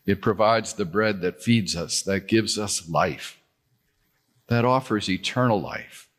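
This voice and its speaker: Preacher guy, lowish voice, thoughtful sermon in church. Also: slow pace. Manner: reflective, gently personal preaching. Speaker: pastor.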